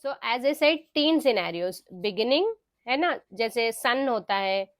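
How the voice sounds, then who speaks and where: Slow woman teaching phonics. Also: fairly high pitch, expressive, no echo, clean studio sound. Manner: mixes Hindi and English, spells words letter by letter. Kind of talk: explaining phonics rules.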